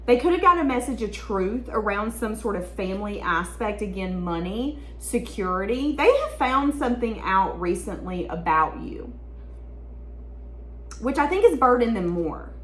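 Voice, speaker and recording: A woman's voice: medium pitch, lively intonation, moderate pace, fairly bright tone, reverberant. A woman giving a tarot reading to her viewers, talking in an emotional, rambling, repetitive way. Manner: emotional, stream-of-consciousness, repeats herself. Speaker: tarot reader.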